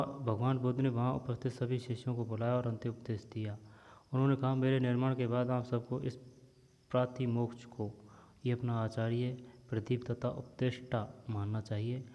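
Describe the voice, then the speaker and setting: A man reading a textbook story aloud as a teacher, pausing now and then to explain words. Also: mid-range voice, warm tone. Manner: reads steadily, pauses to explain words. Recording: dull lo-fi sound with long reverb.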